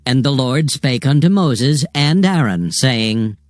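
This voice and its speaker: A man narrates scripture formally from a script. His mid-pitched voice moves very slowly and deliberately, recorded dry and close. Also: lively intonation, darkish tone, no echo.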